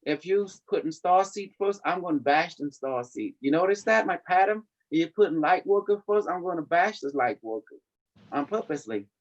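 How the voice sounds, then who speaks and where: A man's voice: on the high side, lively intonation, moderate pace, dull audio. A man with a Cambodian accent talking casually as a spiritual teacher, in non-native English with dropped verbs and endings. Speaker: spiritual teacher leading a group call.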